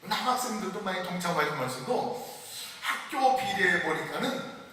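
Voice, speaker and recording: A man preaching a sermon as pastor, telling a story in an animated way and repeating key phrases for emphasis. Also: high voice, moderate pace. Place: church sanctuary. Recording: echoey church hall, mic at a distance.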